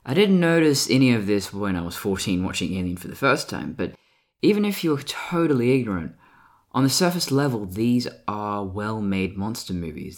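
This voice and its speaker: A man with a mixed English and Australian accent, delivering a scripted, analytical video essay as a film essayist. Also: lowish voice. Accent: English-Australian hybrid.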